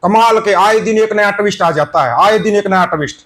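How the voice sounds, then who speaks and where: Man, high-pitched voice, combative political commentary, scolding, news read aloud. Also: a little fast, fairly bright tone. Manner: combative, scolding, addresses viewers as brothers. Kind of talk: opinion vlog reading news aloud.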